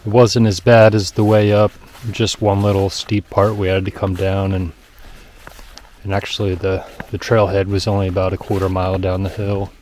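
A man narrating his own hike on a snowy forest trail, describing the route in a relaxed, matter-of-fact way. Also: deep voice, normal speed. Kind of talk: casual hiking vlog narration.

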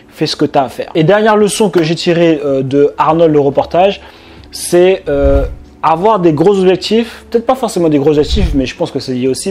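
A man from France speaking in an informal, conversational way to his audience. His voice sits a little higher than usual for a man. He often restarts his sentences. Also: warm tone. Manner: chatty, informal, speaks directly to the viewer, many fillers and restarts. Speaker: business coach and YouTuber. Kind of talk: casual video commentary to the viewer.

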